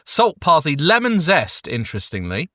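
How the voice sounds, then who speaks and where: A man's voice: fairly high pitch, wildly swooping pitch, normal speed, sharp tone, no echo, studio quality. A man co-hosting a podcast, playfully joking while reading ingredient lists aloud in casual chat. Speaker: podcast co-host. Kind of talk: casual food review chat.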